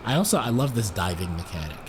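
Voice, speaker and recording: Talking fast and very animatedly in a lowish voice, this streamer swears freely and jokes at his own expense while he plays. Game music runs beneath his casual let's-play commentary, and the background is noisy.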